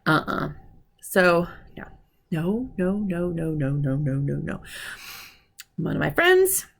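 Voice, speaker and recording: A woman in her forties chatting casually in a vlog, telling stories with animated retellings of conversations and sounding frustrated. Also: low-pitched, slow pace, gravelly, husky. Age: 40s. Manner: animated storytelling, acting out quoted conversations; frustrated, ranting. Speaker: vlogger. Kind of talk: casual chat.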